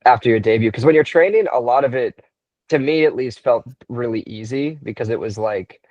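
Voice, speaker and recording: A young man in his twenties, a wrestler, answering interview questions in a relaxed way, thinking aloud with many fillers and restarts. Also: mid-range voice, a little fast, dry recording, muffled recording. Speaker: wrestler, podcast guest.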